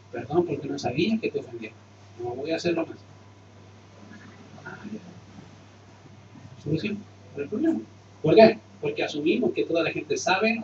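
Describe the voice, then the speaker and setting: A man's voice: a little high, a little mellow, slight background noise. A man preaching a conversational sermon as a pastor, asking and answering his own questions, then closing in prayer. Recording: roomy, distant, muffled sound.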